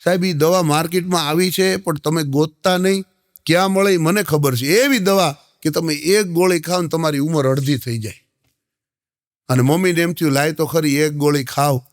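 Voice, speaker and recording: High-voiced comedian. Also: male voice. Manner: folksy storytelling, addresses the audience as sahib, acts out both sides of dialogues. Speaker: stand-up comedian. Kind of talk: Gujarati stand-up joke telling.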